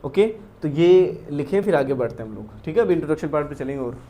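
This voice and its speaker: A man with an Indian accent teaching a maths lesson. He explains step by step, reads English definitions slowly and keeps asking his students if it is clear. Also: fairly high pitch, animated, warm tone. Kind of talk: classroom lecture mixing Hindi and English.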